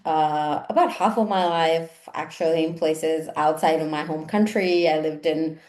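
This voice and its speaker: A woman's voice: deep voice, measured pace, darkish tone. A woman from Italy, a coach chatting casually as an interview guest and peppering her talk with "like". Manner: chatty, frequent "like" fillers. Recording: roomy echo.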